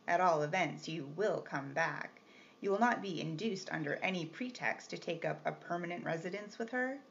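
A woman reading the part of a brusque, teasing gentleman employer with a gruff, commanding manner. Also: sits high, lively intonation, normal speed. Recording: slightly muffled with faint hiss.

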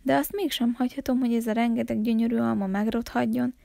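A woman reading aloud, voicing a gruff, lonely old village man who grumbles. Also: fairly high pitch, steady tone, dry recording, studio quality. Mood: gentle, sad. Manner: grumbling, growls then softens.

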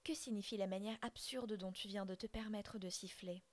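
A woman's voice: medium pitch, steady tone, moderate pace, lightly acted. A woman voicing an outraged, proud old male blackbird father in a whispered role-play, scolding with indignation.

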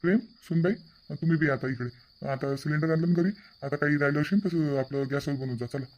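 A man voicing a middle-aged father in a cartoon, steady and reasoning. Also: fairly high pitch, fairly quick, lightly acted. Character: calm middle-aged father, firm head of house. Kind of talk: cartoon voice acting.

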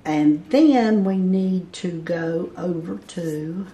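With a warm, fairly low voice and an extremely slow pace, a woman sits indoors at a table over a paper pattern. She walks through a barn quilt pattern step by step, patiently counting the blocks aloud.

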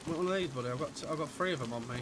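A man's voice: a little high, racing, noisy background. A man streaming a survival game, chatting casually with friends, swearing a lot and yelping in surprise. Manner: excitable, swears a lot, loud yelps of surprise. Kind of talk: casual gaming chat.

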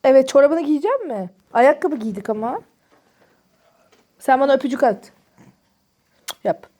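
A woman's voice: sits high, animated, a little slow, dark tone. A woman, a mother chatting playfully with her toddler in a sing-song, encouraging way, asking short simple questions. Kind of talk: playful casual chat with a small child.

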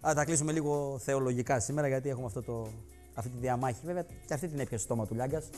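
Animated Greek TV host mocking politicians. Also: male voice, mid-range voice, soft background music. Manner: mocking, animated, sarcastic rants. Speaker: TV show host. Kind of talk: satirical political commentary. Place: television studio.

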